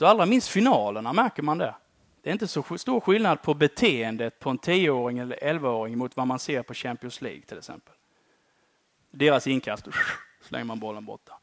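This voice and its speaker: A man preaching a sermon in a conversational way, often tagging his phrases with a questioning "va?" and swinging between loud emphasis and quiet endings. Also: medium pitch, no room sound, studio quality.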